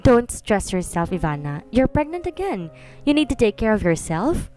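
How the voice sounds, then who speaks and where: A woman voicing a cheerful, doting older mother-in-law who speaks slowly in a high, gushing tone. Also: sing-song, a little mellow, soft background music, close to an everyday voice.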